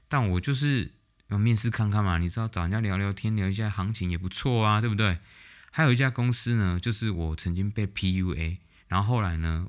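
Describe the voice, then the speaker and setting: A man hosting a vlog, telling stories in a casual monologue in a blunt, animated way with mild swearing. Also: low-pitched. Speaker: vlog host.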